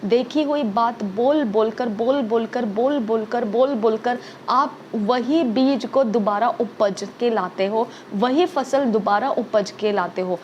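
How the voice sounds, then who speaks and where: A woman's voice: fairly high pitch, slow, hardly any pauses, darkish tone, highs cut off, a little hiss or hum. A woman preaching a sermon, urging listeners with repeated phrases and frequent "okay?" checks.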